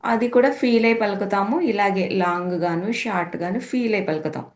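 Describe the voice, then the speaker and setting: A woman's voice: medium pitch, normal speed. A woman teacher patiently explaining meditation practice step by step, mixing English words into her talk. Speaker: spiritual teacher. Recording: echoey room.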